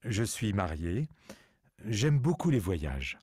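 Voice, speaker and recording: A man's voice: lowish voice, sing-song, slow pace, mellow, breathy edge, no room sound, clean studio sound, exaggerated voice. A man in his sixties playing a journalist who is a contestant in a textbook dialogue. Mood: calm. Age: 60s. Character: older male journalist quiz contestant.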